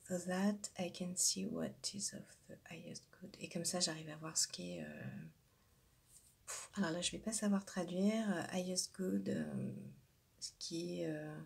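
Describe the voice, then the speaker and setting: A woman's voice: on the low side, creaky, a little mellow, husky. A woman doing an intuitive card reading for her viewers, hesitant and searching for words, often dropping into a whisper. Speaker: tarot card reader.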